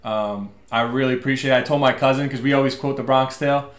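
A man hosting a casual interview as an eager fan, talking like an excited bro. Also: mid-range voice, quick pace. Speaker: interview host. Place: remote call from a roomy space. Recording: roomy echo on the voice.

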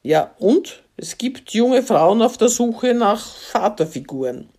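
A woman's voice: a little high, very animated, slow pace, warm tone, pitched above the performer's own voice, full character voice. Woman reading a touchy older man, defensive. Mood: irritated. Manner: indignant, defensive.

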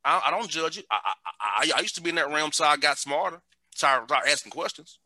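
Bright-voiced man, animated and emphatic. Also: a little high, quick pace, no echo. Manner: animated and conversational, repeating words for emphasis. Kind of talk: casual conversation.

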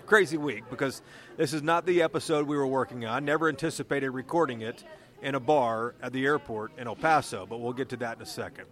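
A man's voice: mid-range voice, fairly quick. A man with an American accent, a podcast host and political reporter who speaks conversationally as he narrates and interviews.

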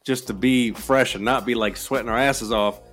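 A man's voice: medium pitch, steady tone, normal speed, a bit bright. Guy hosting a podcast, casual and hyped, playful banter, mid voice, bit of music under him. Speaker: podcast host.

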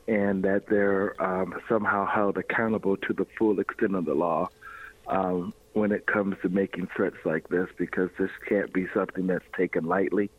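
Male spokesperson, very low voice, measured statement, phone-like sound. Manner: measured, with fillers. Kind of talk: news clip statement. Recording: tinny phone-like audio.

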